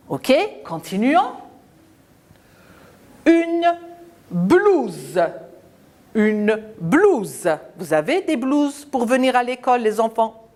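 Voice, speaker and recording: Taking her time, a primary school teacher guides young children through French, her voice bouncing up and down in a lively sing-song. Each word and sound gets drawn out and said again for the pupils.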